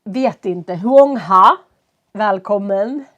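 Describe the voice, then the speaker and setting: Woman, stuffy nose, slight cough, slow clear teacher talk, casual live-stream chat from home. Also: medium pitch, fairly bright tone, dull audio. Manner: slow, clear speech for learners, greeting viewers. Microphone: computer setup.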